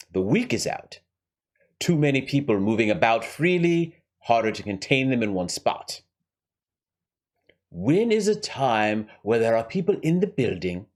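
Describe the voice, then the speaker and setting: A man putting on a scheming heist villain. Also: medium pitch. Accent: put-on German villain accent, admittedly poor. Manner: theatrical, dramatic pauses, hushed whispered emphasis. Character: scheming suave male villain planning a heist.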